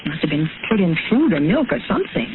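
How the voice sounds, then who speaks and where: Actress as anxious, quick-talking 1930s radio heroine. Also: female voice, mid-range voice, big pitch swings, natural voice. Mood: puzzled. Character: anxious, earnest lady companion of a detective. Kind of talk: 1930s radio drama acting. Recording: scratchy, noisy, tinny 1930s radio recording.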